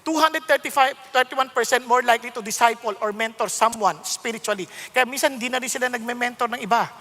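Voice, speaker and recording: High, bright-voiced Filipino pastor preaching. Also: male voice, a little fast. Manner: animated, mixing Tagalog and English, self-mocking humor. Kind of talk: sermon. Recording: long hall reverb.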